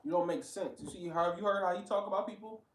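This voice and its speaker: A man rants in blunt, profane bursts as he reacts to a clip. His voice sits somewhat high. The room around him rings with echo. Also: fast, distant mic, background noise. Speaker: reaction commentator. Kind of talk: casual commentary.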